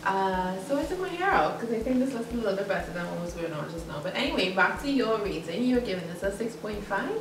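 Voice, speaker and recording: A woman's voice: medium pitch, sing-song, fast, few pauses, background noise. A young woman chatting casually through a clothing try-on haul, giggly and a little self-conscious. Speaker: vlogger. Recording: echoey room from far off.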